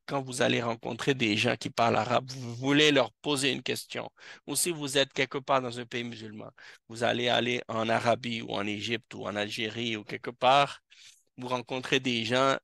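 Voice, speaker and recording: A patient male teacher giving a classroom language lesson, saying each word again and again at an unhurried pace. His voice is bright and forward. The sound is close and dry, with little room echo. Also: mid-range voice, creaky. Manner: patient, repeats each word several times. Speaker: Arabic teacher. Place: mosque classroom.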